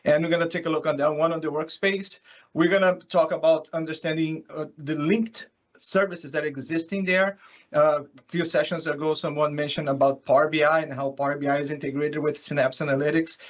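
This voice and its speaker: Presenting remotely from California, this Brazilian-accented man talks a little fast in a slightly high voice with fairly even intonation. A consultant speaking English as a second language after Portuguese, he is chatty and often chuckles, and the online call audio sounds dull and lo-fi.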